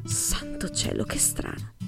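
A woman voicing a deep-voiced elderly spinster who gossips with indignant delight. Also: measured pace, close to an everyday voice. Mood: scandalized. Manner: indignant, scandalized. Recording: music playing behind.

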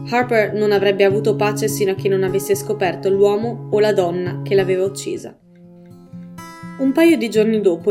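A woman narrating a detective novel in a composed, even reading. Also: medium pitch. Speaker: audiobook narrator. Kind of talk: scripted narration.

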